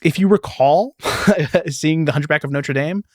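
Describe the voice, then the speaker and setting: This podcast host speaks in a somewhat high, slightly mellow voice at a measured pace, casually explaining film and history through stories. He drifts into frequent asides as he goes. The studio-quality audio has no room sound.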